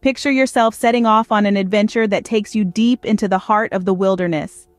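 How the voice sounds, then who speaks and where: A woman narrates a nature documentary with music playing behind her. Her voice sits at a medium pitch. The delivery is scripted, polished and evocative, in the way of a storyteller. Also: fairly even intonation, fairly quick, dry recording.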